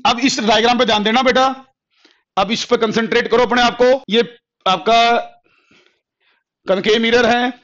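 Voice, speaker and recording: A man teaching a physics class at a board. He repeats key terms over and over, dictates notes slowly word by word, and calls his students "beta" and "bhai". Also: extremely high pitch, steady tone, a bit bright. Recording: dull lo-fi classroom recording.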